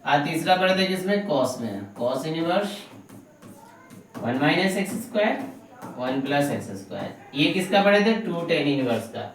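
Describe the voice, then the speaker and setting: A man leads an exam-prep math lesson in a fairly high voice. He keeps quizzing his students and answering himself. The mic sits well away in a very echoey room with a faint hiss. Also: big pitch swings, a little slow, recorded from a distance. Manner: asks himself questions and answers them, coaxing; fondly calls students "babu". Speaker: math teacher. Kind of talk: online exam-prep lecture.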